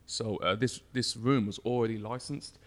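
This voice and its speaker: A British man with a croaky voice after a night of drinking, talking casually and hesitantly as an interview guest in an echoey room. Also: fairly low pitch, normal speed. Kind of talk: casual chat. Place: brewery tap room, indoors. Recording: echoey unit, uneven mic distance.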